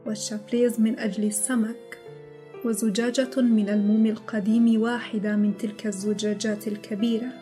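A woman playing an elderly general, calm, brooding, quiet, low-voiced, dark mellow tone, even pitch, audiobook. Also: natural voice. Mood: low, confiding.

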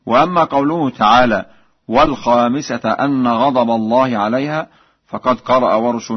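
A man explaining recitation variants in measured speech, then chanting the examples slowly and melodically, from an archival radio broadcast. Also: medium pitch, breathy edge, muffled recording. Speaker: Quran recitation teacher.

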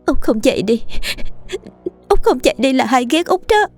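A woman's voice: sits high, sing-song, normal speed, darkish tone, soft background music, pitched above the performer's own voice. A woman voicing a young girl, a protective older sister who is crying and pleading urgently. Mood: sobbing plea.

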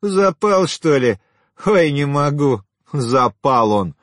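A man voicing a haughty, sharp-tongued widowed woman in an audiobook, scornful and teasing, then falsely sweet. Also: mid-range voice, sing-song, slow pace, slightly rough, no room sound, clean studio sound, voice pushed up, exaggerated voice. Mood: mocking. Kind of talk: audiobook character voice.

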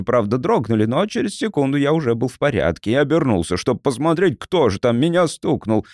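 A man reading an audiobook in the first person, telling it in a folksy, expressive way. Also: on the high side, no room sound, clean studio sound. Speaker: audiobook narrator.

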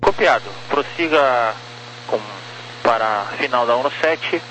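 Faint radio noise surrounds a Brazilian man with a mid-pitched voice. He speaks as an air traffic controller, issuing terse, procedural instructions with phonetic call signs. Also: unhurried, pushed and bright, poor audio. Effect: two-way radio transmission.

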